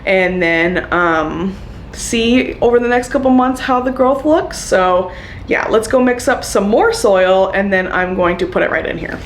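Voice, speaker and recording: A woman's voice: medium pitch, lively intonation, unhurried, a little hiss or hum. A young woman vlogging casually about her houseplant chores, chatty and upbeat, laughing often. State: hiccuping. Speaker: plant vlogger. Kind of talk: casual chat to camera.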